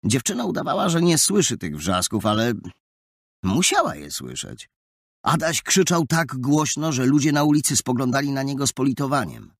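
A man narrating an audiobook in a lively, expressive storytelling manner, close to the mic. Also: medium pitch, normal speed, creaky, dry recording. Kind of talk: scripted narration.

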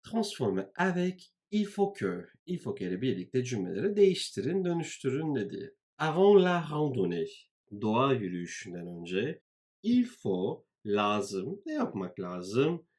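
Slow, lively-pitched man teaching grammar. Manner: slow, deliberate, repeats phrases. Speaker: French teacher. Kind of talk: grammar lesson walkthrough.

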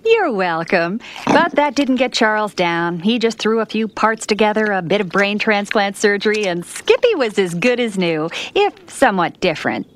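A woman's voice: mid-range voice, sing-song, normal speed, natural voice. A woman playing a cheerful, doting, oblivious suburban mother in a cartoon, sweet and gushing. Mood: welcoming. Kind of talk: cartoon acting.

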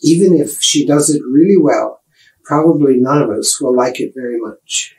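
An older man, a piano professor, giving a measured, explanatory music lecture. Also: mid-range voice, darkish tone, low-quality recording.

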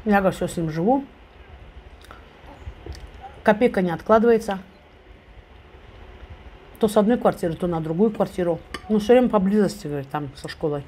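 A woman's voice: mid-range voice, a little fast, long pauses, dark tone, slight background noise. A woman eating on camera, chewing while she talks, who retells a friend's story and keeps putting in "she says". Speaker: mukbang vlogger.

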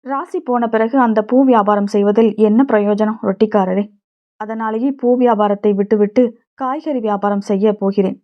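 A woman's voice: medium pitch, steady tone, normal speed, lightly acted. Brief: plainspoken kindly old flower-selling woman in a storybook, read by a woman, dull lo-fi sound. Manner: colloquial, plainspoken. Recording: dull lo-fi recording.

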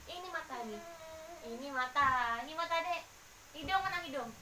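A woman's voice: high voice, a little fast, crowd noise. A mother in a home video coaxing her toddler to point at pictures and name things, in a sing-song voice. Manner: sing-song, coaxing talk to a small child. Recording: echoey, distant home-video sound with noise.

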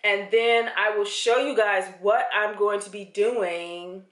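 A woman's voice: mid-range voice, fairly even intonation, slow pace, fairly bright tone. Chatty woman vlogging in an echoey kitchen. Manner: chatty, rambling, with many fillers. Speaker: fitness vlogger. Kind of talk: casual vlog chat. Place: home kitchen. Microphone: camera held close.

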